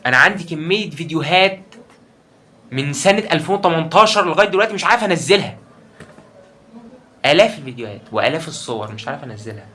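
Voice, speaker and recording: A man's voice: fairly high pitch, expressive, quick pace, pauses often, bright, forceful tone. A young man with an Egyptian Arabic accent, talking straight to his viewers in an emotional, repetitive vlog rant. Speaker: YouTuber. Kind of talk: ranting vlog monologue.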